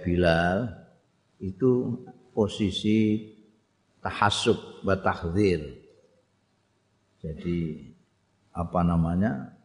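Man, Javanese accent, religious teacher, conversational sermon, lowish voice, long hall reverb. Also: a little mellow. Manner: chants Arabic phrases, then explains plainly.

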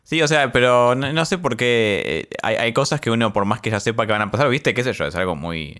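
A man's voice: medium pitch, animated, a little fast, fairly bright tone, clear, resonant tone. A young man with a Rioplatense Spanish accent, co-hosting a casual, teasing chat. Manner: joking, teasing. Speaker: podcast co-host.

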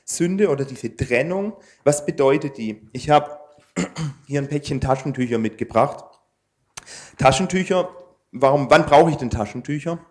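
A man preaching to an audience in a casual, conversational way. He pauses often with fillers and tag questions while he explains his slides. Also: a little high, animated. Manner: informal, with frequent "ja" and hesitant fillers; speaks to an audience using slides. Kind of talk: conversational sermon.

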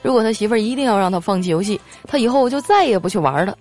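Her mid-range voice is a little mellow, racing along with lively intonation as she reads listener jokes on her comic show. Light music plays underneath while she laughs often and performs quoted lines in a raised voice, all in a playful spirit.

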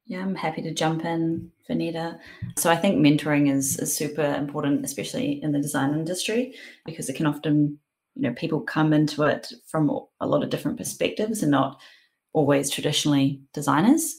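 A woman's voice: low-pitched, a little fast, a little mellow. A woman with a broad New Zealand accent, chatting casually as a podcast co-host. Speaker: podcast co-host and product designer.

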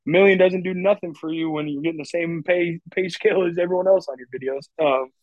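A man in his twenties with a fairly high voice speaks quickly as a podcast guest, rambling candidly and leaning heavily on "like." It's a casual podcast conversation, and the audio is dry, dull, and lo-fi with no echo.

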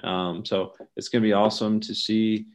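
A man's voice: fairly low pitch, little pitch movement, moderate pace. A man co-hosting a casual sports chat, on a slightly noisy recording. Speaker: co-host, coach.

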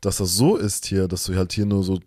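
Young male podcast co-host, low voice, slangy and rambling, dry close sound. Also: fairly quick, no room sound. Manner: relaxed, rambling, slangy German with English words mixed in. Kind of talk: casual chat.

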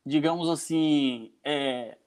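Man, northeastern Brazilian Portuguese accent, slightly high voice, slangy, informal casual chat. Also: takes it slowly, darkish tone. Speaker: podcaster guest.

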